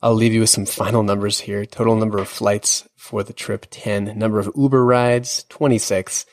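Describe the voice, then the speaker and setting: A man with a fairly low voice narrates as a podcast host. His delivery is scripted but conversational. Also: little pitch movement, normal speed.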